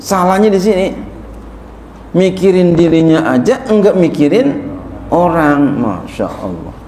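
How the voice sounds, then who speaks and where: A man, a religious teacher, leads a sermon-style lesson in a roomy, echoing hall with faint background ambience. His voice sits at an ordinary pitch. He recites Arabic, then explains it in easy, conversational Indonesian. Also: lively intonation, measured pace, a little mellow, slight background noise. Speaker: kiai teaching a classical text. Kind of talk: sermon-style kitab study. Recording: echoey room with faint ambience.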